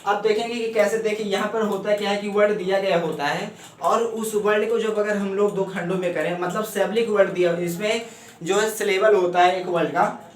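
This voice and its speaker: Male shorthand tutor, high pitch, steady explainer, faint hum under an echoey room. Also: distant mic. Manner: steady, repeats "ठीक है ना" often. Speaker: shorthand teacher. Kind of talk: explaining at a board.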